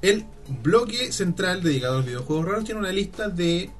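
A man's voice: high-pitched, animated, brisk, faint music behind. Chilean man reading listener mail. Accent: Chilean Spanish. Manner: reads listener messages aloud, laughs often. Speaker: podcast host. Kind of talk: casual chat.

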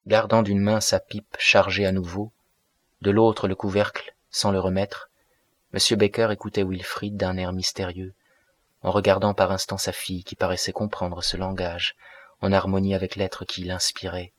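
A man narrating a classic novel as an audiobook, in a measured, even way. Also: low voice, no echo.

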